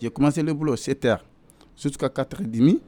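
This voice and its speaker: A man speaks with a warm, darker voice in a close, dry sound. He tells his story as a worker, acting out past arguments with lively emphasis and repeating key points. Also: medium pitch, fast talker, dry recording. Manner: animated, re-enacts arguments, repeats himself. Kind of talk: personal testimony.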